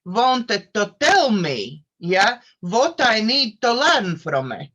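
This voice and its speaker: A woman hosting an interview who speaks haltingly, searching for her words as she poses reflective questions. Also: a little high, big pitch swings, fairly bright tone, slightly rough. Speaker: interview host. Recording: dull lo-fi audio.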